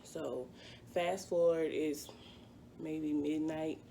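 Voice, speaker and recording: Low-voiced young woman telling a story. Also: steady tone, extremely slow, creaky, dark tone, slight background noise. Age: 20s. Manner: chatty, rambling, full of fillers. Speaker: vlogger. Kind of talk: casual storytime.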